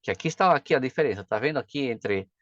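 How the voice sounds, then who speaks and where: Chatty teacher, dull dry recording. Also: male voice, mid-range voice, animated, fast talker, fairly bright tone, no echo. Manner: chatty, frequent "tá?" and "né?" check-ins. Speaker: pronunciation teacher. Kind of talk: casual video lesson.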